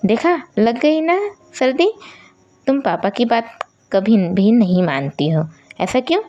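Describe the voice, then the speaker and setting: A woman voicing a caring middle-aged father who scolds his daughter gently. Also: a little high, expressive, measured pace, muffled recording, pitched above the performer's own voice. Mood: scolding.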